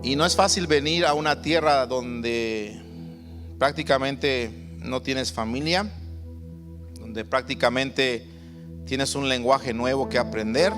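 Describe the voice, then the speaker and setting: A man preaching a sermon as pastor, stressing and slowly stretching key words. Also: medium pitch, in a large hall.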